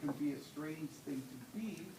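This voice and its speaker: A man in his forties from the Dominican Republic chats easily with a room of students, often tossing in a questioning "yeah?". His voice sits a little high. It is caught by a far-off mic in an echoey, noisy hall. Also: a little slow. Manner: casual, conversational, often checks in with a questioning "yeah?". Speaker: guest speaker. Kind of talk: informal talk to students.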